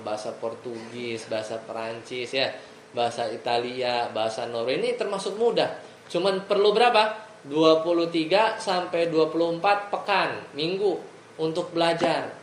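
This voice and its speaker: A man's voice: a little high, moderate pace. Male teacher, conversational classroom delivery, asks the class questions, echoey room. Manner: chatty, asks the class questions, explains step by step. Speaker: religious teacher. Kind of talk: casual classroom lesson. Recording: echoey room with faint ambient noise.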